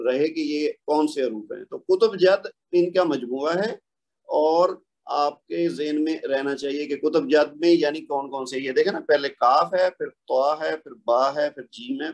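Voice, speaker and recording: A man's voice: a little high, a little mellow. A man teaching a recitation lesson, patiently explaining rules, asking questions and answering them himself, and sounding out examples. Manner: patient, asks and answers his own questions. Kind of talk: tajweed lesson, explaining and modeling pronunciation.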